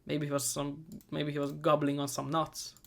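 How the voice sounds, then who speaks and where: A man giving a comedic movie recap, sarcastic and profane, rambling and often trailing off into quieter asides. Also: on the high side, completely flat delivery, normal speed, gravelly. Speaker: movie reviewer.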